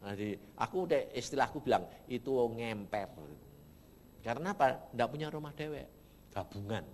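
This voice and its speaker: A middle-aged man preaching a sermon, telling a story, dropping to soft murmurs and then bursting out loudly. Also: mid-range voice, moderate pace, slight background noise. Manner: swings from soft murmurs to sudden loud emotional bursts. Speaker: evangelist preacher.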